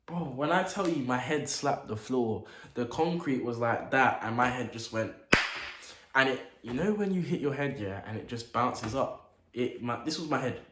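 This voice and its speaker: Slangy teen in an echoey room. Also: male voice, medium pitch, moderate pace. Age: late teens. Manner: animated, slang-heavy, acts out his own reactions. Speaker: vlogger. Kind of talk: casual storytelling to camera. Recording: echoey room with faint noise.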